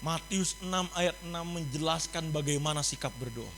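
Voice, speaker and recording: A young man preaching a sermon at an online youth service, switching between loud exclamations and quiet, confiding passages. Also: on the high side, normal speed, slight background noise, rough recording.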